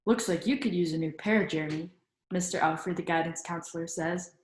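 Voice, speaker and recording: In a reverberant space, a woman with a voice on the low side reads a picture book to children in a teacherly, instructive way, stopping to ask them questions.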